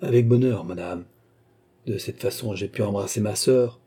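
A grave, modest young soldier, as a male reader plays him, speaking in a restrained, earnest way. The voice is very dark and mellow, with a husky edge. It sounds like a scene from a classic novel read aloud. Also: lowish voice, normal speed. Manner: restrained, serious.

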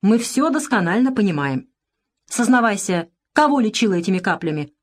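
A woman's voice: mid-range voice, big pitch swings, a little fast. A woman voicing a stern, solemn male village medic in a storybook reading, scolding in a raised voice.

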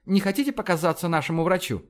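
A man's voice: sits high, expressive, fast, pitched above the performer's own voice. A man putting on a cocky teasing woman officer. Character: sharp-tongued woman officer, mimic.

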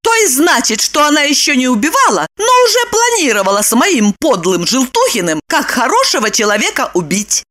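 A woman voicing an excitable, indignant young woman in an audiobook, with a squeaky, shrill, insistent delivery. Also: fairly quick, hardly any pauses. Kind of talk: audiobook character reading.

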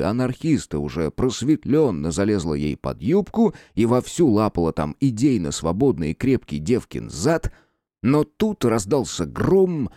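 A man narrating a story in an expressive, wry storytelling manner. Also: lowish voice, dry recording, clean studio sound. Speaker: audiobook narrator. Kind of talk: scripted narration.

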